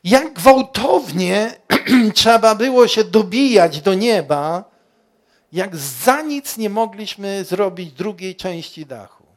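A man preaching a sermon as pastor, slow and emphatic, asking the congregation questions and rising to loud peaks. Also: high voice, animated.

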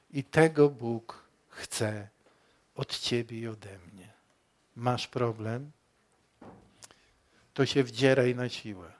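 A man preaching a sermon as pastor, slow and emphatic, asking the congregation questions and rising to loud peaks. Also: mid-range voice.

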